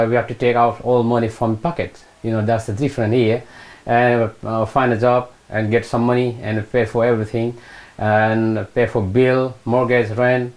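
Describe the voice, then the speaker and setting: In an oral history interview, this middle-aged man from eastern Nepal, a retired British Army Gurkha, shares personal memories haltingly, frequently repeating himself, with a Nepali accent. He has a medium-pitched, slightly mellow voice. A lapel mic records him seated on a sofa in a small room.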